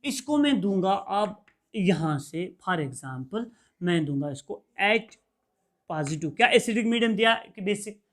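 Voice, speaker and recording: Speaking a little slowly in a high-pitched voice, a male lecturer quizzes his class to make sure they're keeping up. He asks, repeats the key term, and supplies the answer himself in a steady back-and-forth rhythm.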